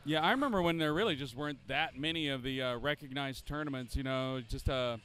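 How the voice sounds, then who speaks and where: A man's voice: mid-range voice, fairly quick, a bit bright, clear, resonant tone. A man from the southeastern United States doing color commentary at roller derby, rambling with fillers and restarts.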